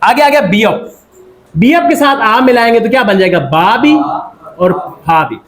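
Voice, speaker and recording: High-voiced Pakistani man teaching a class. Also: very animated, unhurried, a bit bright. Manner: asks the class questions and repeats answers. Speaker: Korean language teacher. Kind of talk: classroom lecture.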